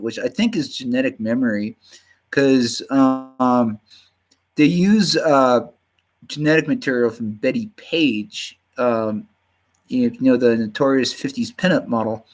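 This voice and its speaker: A man in his fifties chats on a livestream in an unhurried, meandering way. His speech carries a faint Southern drawl. He pads his sentences with fillers and often trips into restarts as he goes. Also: medium pitch, rough recording. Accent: slight Southern drawl. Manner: halting, full of fillers and restarts. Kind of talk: casual rambling chat.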